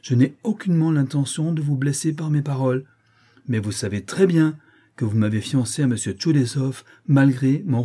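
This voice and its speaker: A man's voice: medium pitch, dark tone, slightly rough, pitched above the performer's own voice, natural voice. A man voicing a firm, pious young woman. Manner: firm, respectful, defiant.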